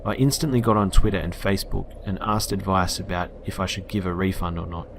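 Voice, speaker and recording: A man's voice: deep voice, slight background noise. A man narrating a horror story in a casual, blunt way, with occasional swearing.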